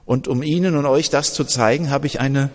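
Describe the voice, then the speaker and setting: A man preaching a sermon, telling a story and voicing its dialogue in a lively way. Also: medium pitch, moderate pace, in a large hall.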